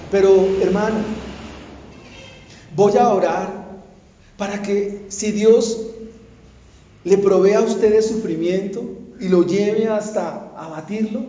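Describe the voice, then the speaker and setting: A male pastor preaching a sermon, swinging from hushed confession to pleading cries. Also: high-pitched, steady tone, slow, long pauses. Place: church. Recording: echoey church hall, dull lo-fi sound.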